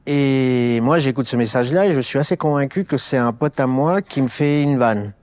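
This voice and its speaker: A man's voice: mid-range voice, normal speed, darkish tone. A middle-aged man from Alsace, a guest in a conversational interview, telling his story with many fillers and restarts. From France (Alsace). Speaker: interview guest, business executive.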